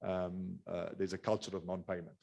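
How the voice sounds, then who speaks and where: A man's voice: sits low, completely flat delivery, moderate pace, gravelly, dark tone, dull audio. A middle-aged man with a South African accent, giving a webinar business talk in a rambling way, full of restarts and fillers. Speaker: business speaker. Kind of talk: webinar presentation.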